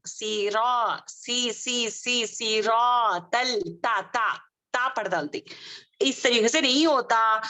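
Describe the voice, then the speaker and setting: High, bright-voiced woman teaching slowly. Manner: slow, drawn-out demonstrations of Arabic words; patient, repeats and checks understanding. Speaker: Tajweed teacher. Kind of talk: online class teaching Quranic recitation. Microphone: video call.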